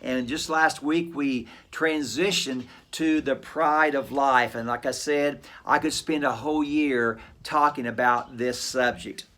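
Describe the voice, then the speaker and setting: A man's voice: mid-range voice, steady tone, measured pace, hardly any pauses, sharp tone. A middle-aged man hosting a short devotional segment for homeschool families, speaking in an earnest, plainspoken way and telling personal stories. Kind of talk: conversational devotional talk.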